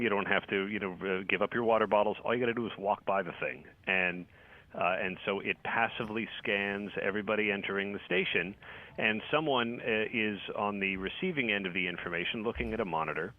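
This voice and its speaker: A male news correspondent explaining a story in a radio interview, halting and restarting often. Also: fairly low pitch. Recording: phone-line audio.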